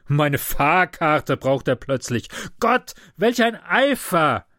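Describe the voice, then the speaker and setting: A man's voice: a little high, very animated, slow pace, fairly bright tone, no room sound, clean studio sound, pitched above the performer's own voice, full character voice. A man doing a whiny sickly old passenger. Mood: scolding. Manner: whiny, complaining, tearful. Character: frail whining older male train passenger.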